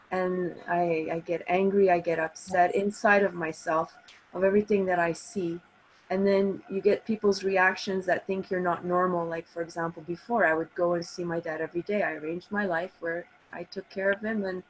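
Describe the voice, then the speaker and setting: With a husky, lowish voice, a Canadian woman in middle age chats personally and casually as a call-in participant. She's a massage therapist using her laptop on an online call, camera off. The audio is rough.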